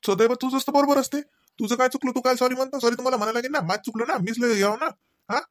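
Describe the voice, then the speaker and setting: Guy doing a cranky cartoon husband, rapid-fire lecturing, dry studio. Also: on the high side, fairly even intonation, no echo, close to an everyday voice. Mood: scolding. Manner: nagging, lecturing, rapid scolding. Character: scolding husband Ravi, grown man, short-tempered. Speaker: voice actor. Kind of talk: cartoon voice acting.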